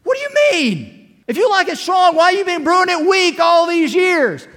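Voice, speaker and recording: A man voicing an exasperated old wife in a sermon story, with a high, squeaky, indignant outburst. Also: big pitch swings, normal speed, fairly bright tone, heavily acted. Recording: long hall reverb.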